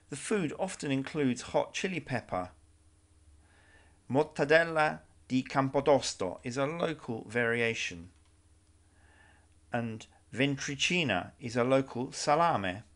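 Male narrator for a travel guide video, measured delivery with wry asides, mid-range voice. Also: mid-range voice, fairly bright tone.

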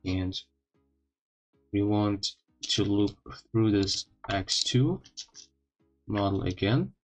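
A man hosting an informal coding tutorial in halting phrases, his speech a little odd and impeded after having his wisdom teeth out. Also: lowish voice, soft background music, low-quality recording. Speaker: tutorial host.

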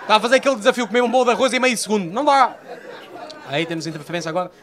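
A young comedian with a Portuguese accent, high-pitched and talking very fast, does live stand-up on a comedy stage. He works the crowd with loud, freely profane banter, and the live show recording has faint audience noise.

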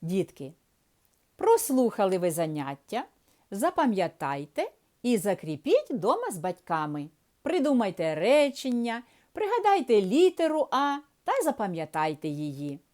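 A woman teaching a reading lesson to small children in a slow, sing-song teacher voice. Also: mid-range voice, wildly swooping pitch, a little mellow. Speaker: preschool teacher. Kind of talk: early-years reading lesson.

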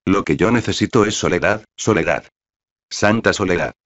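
A brooding, anguished man consumed by envy, voiced by a male audiobook reader. He speaks low and heavy, with deep gloom in every phrase. The recording sounds slightly dull and lo-fi. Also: moderate pace, a bit bright. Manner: anguished, brooding self-questioning. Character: tormented envious man, middle-aged, bitter. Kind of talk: audiobook character reading.

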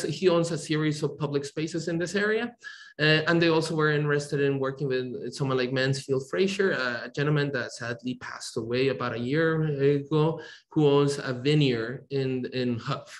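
A man's voice: mid-range voice, fairly even intonation, moderate pace. A middle-aged man from Colombia, an architect speaking in an academic webinar, hesitant, with many fillers and restarts, heard over a video call. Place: home room, video call. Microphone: computer mic on video call.

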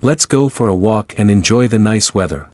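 With deliberate, evenly paced reading, a man gives short answers for language learners, repeating example sentences slowly. His voice is on the low side and clear. Nothing of the room comes through, since the recording is dry and close.

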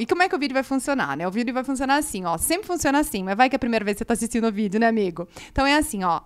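A Brazilian woman in her forties with a Brazilian Portuguese accent, hosting a casual English lesson through music and talking straight to her viewers in a chatty, playful way. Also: on the high side. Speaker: English teacher and channel host.

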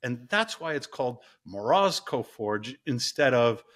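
A middle-aged man, a guest professor, telling a story in a casual, animated interview. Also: unhurried. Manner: animated, acts out story voices with big pitch jumps. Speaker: guest, professor and ice bath company co-founder.

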